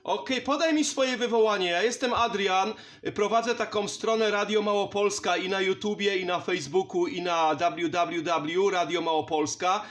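Speaking at a normal pace in a steady, high, fairly bright voice, this man is a CB radio operator who also hosts the channel. His friendly, casual contact chat comes from an indoor home radio station.

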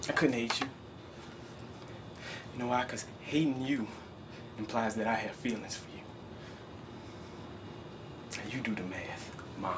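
A man's voice: medium pitch, moderate pace, pauses often, roomy sound, heavy background noise, close to an everyday voice. An actor playing a bitter, confrontational young man who curses and lashes out, in an indie film drama. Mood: cold. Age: young adult. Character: angry young man searching for his birth mother.

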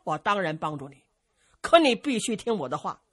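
A woman voicing a steady older village man who speaks slowly and gravely as a calm advisor. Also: lowish voice, dry recording, clean studio sound. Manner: slow, measured, grave.

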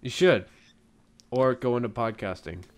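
A young man casually chatting while playing a video game, excitable and swearing, with sudden loud yells. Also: mid-range voice, unhurried. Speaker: let's play co-host. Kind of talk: casual gaming chat.

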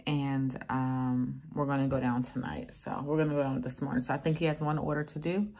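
Brief: thirties woman, deep voice, chatty vlogger talking to camera at home. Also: little pitch movement, fairly quick, warm tone. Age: 30s. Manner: chatty, talks straight to viewers. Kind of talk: casual vlog chat. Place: home room, indoors. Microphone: phone or camera at close range.

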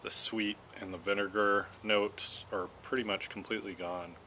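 An American man with a fairly low voice rambles casually and without hurry. He pauses between phrases to puff on a pipe, which makes his delivery halting. He is recorded outdoors in a backyard, with clear ambient noise behind him. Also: fairly even intonation, bright, forceful tone, rough recording. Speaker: vlogger. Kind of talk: casual rambling solo chat. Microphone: camera at about arm's length or a little more.

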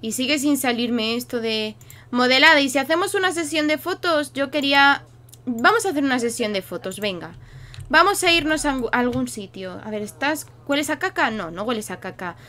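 A woman's voice: high-pitched, expressive, moderate pace, sharp tone. A young woman, chatting playfully through a life-sim game for her viewers and talking to her characters. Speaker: gaming YouTuber. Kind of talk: casual game commentary.

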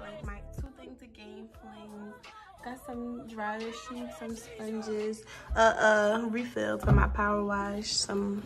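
A young woman, a college freshman, giving a casual tour of her dorm room and listing her things for her viewers. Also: medium pitch. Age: young adult. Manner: chatty, listing items, addresses viewers as y'all. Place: small dorm room indoors.

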